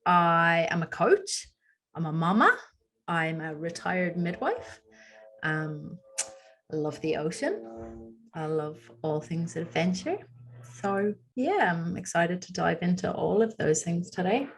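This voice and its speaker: An Irish woman in her forties with a Dublin accent chats openly as a podcast guest in a casual interview, full of ums and likes. Her lowish voice is very animated yet slow, with faint music behind her.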